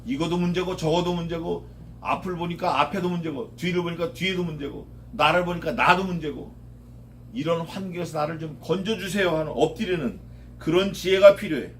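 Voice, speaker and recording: A man's voice: on the high side, brisk, a bit bright, slight background noise. A male pastor preaching a sermon, emphatic and repetitive, his voice rising when he voices prayers. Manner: emphatic, repeats key phrases, rises when voicing prayers.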